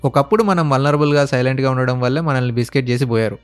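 Fast-talking sarcastic man telling stories. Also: medium pitch, clean tone, faint music behind. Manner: sarcastic, blunt, mixes in English phrases. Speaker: relationship advice vlogger. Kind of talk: casual storytelling commentary.

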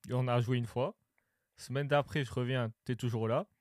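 A young man from Portugal co-hosting a casual podcast, telling stories with quick, teasing banter. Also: medium pitch, fairly even intonation, darkish tone, no echo, clean studio sound. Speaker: podcast co-host.

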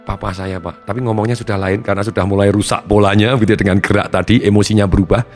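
A trauma therapy trainer tells a seminar audience about a patient's case, speaking very fast in a lowish voice as faint music plays behind. He's animated, acting out voices and counting aloud as he tells the story.

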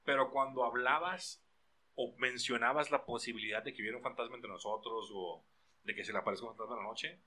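A man's voice: medium pitch, fast, slightly rough. A young man with a Mexican accent in casual crude chat, joking and telling stories. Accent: Mexican Spanish. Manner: crude, joking, animated storyteller.

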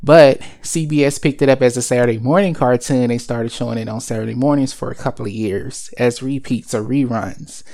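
A man's voice: mid-range voice, fairly quick, hardly any pauses, darkish tone. A man hosting a casual segment, talking in a rambling way with lots of fillers and self-corrections. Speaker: host of a cereal and cartoon segment.

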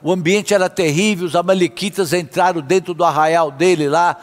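A man's voice: high-pitched, fairly even intonation, brisk, soft background music. A man preaching a sermon as a pastor, impassioned, sometimes half-singing his phrases. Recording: long hall reverb.

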